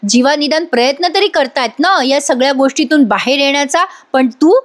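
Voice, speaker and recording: Woman reading as a stern, reproachful young wife scolding her sister, high voice, serial recap. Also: moderate pace, close to an everyday voice. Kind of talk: retelling a serial's dialogue.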